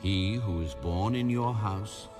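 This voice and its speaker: A man playing a solemn, commanding God in a dramatized audio Bible, speaking slowly and with authority. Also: on the low side. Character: Almighty God, solemn, commanding ancient male deity. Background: background music.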